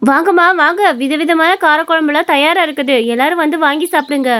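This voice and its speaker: A woman voicing a kind, caring young village woman in a cartoon story, who talks earnestly and gently. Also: high-pitched, steady tone, brisk. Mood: cheerful.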